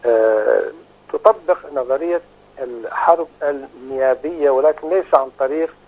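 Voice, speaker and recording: A man heard down a thin, phone-like line as the expert guest on the show. He speaks at a middle pitch and gives measured, emphatic analysis, pausing often to hesitate.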